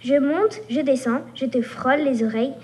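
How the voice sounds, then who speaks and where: Reading a story aloud at a workshop, a woman voices a cheeky, teasing little female mosquito, taunting playfully and making buzzing sounds. Her voice sits high with a dark tone, moderately paced and lightly acted.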